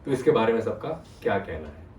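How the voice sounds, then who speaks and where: A man's voice: on the low side, a little fast, a little hiss or hum. Man giving a devotional discourse, roomy. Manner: animated, asks the audience questions. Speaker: spiritual storyteller. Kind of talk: devotional discourse retelling scripture. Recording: roomy sound from a distant mic.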